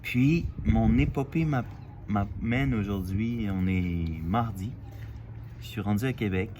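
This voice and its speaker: Man, Quebec French accent, reflective vlog monologue, hesitant with fillers, lowish voice, outdoor city alley, faint ambience. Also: mellow, slight background noise. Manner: thoughtful, halting, with many fillers and restarts. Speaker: vlogger.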